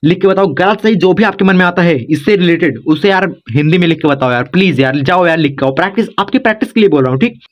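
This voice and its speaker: A man's voice: sits high, animated, quick pace, dull audio. A man giving a casual spoken lesson as a teacher, patient and repetitive, coaxing his students along. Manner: repetitive, coaxing, says "dekho" and "yaar" often.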